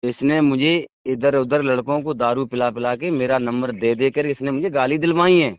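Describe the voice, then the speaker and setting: Over the telephone, a man insistently justifies himself and asks to be heard out. His mid-range voice is smooth and moves at a normal speed, and the call sounds tinny and dry with no room sound.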